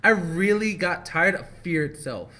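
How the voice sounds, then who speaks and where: A young man hosting a casual podcast chat, excitable and profane, who laughs often. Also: sits high, a little slow, a little hiss or hum. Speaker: podcast host.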